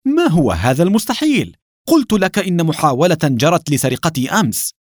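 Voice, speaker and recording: Man reading as irate male scientist, raised pitch, sharp and loud. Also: sing-song, brisk, no room sound, clean studio sound. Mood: shouting. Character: angry older male scientist, short-tempered.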